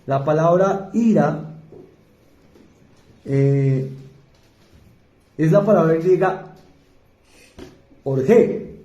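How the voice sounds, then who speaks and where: Colombian male pastor, warm mellow voice, mid-high pitch, sermon in an echoey church hall. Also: lo-fi sound. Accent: Colombian Spanish. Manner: swings between fast emphatic repetition and slow quiet asides; asks the congregation questions. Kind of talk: evangelical sermon.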